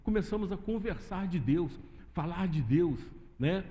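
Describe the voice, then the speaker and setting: This high, warm male voice is expressive and a little slow. He's a man from Brazil sharing a preaching testimony in a church sanctuary, repeatedly addressing the congregation as "querido" ("dear"), and the recording carries long church-hall reverb.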